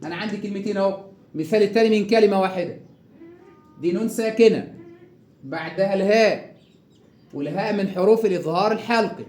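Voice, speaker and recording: Higher-voiced Egyptian man teaching tajweed, echoey. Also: a little mellow. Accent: Egyptian Arabic. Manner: repeats each example slowly and drawn out after quick explanation; instructive, addresses the learner directly. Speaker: Quran recitation teacher. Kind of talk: tajweed lesson.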